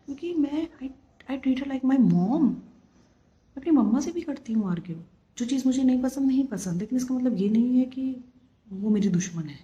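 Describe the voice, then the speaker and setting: Woman, 30s, emphatic frustrated vlogger, slightly high and mellow. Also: animated, moderate pace, muffled recording. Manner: exasperated, emphatic, mixing English into Hindi. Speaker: vlogger, former flight attendant. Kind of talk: candid personal vlog monologue.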